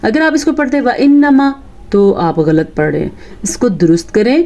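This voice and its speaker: A woman with a Pakistani Urdu accent teaches Quran recitation, her voice mellow and warm at a middling pitch. She chants each verse slowly, then explains the pronunciation rules in a patient, corrective tone. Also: big pitch swings, gravelly. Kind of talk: tajweed lesson.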